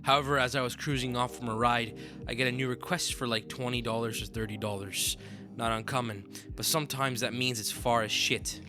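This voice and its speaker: A man's voice: medium pitch, steady tone, fairly quick, over music. A man narrating a story in a conversational, offhand manner with sudden upward swoops. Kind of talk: reading a story aloud.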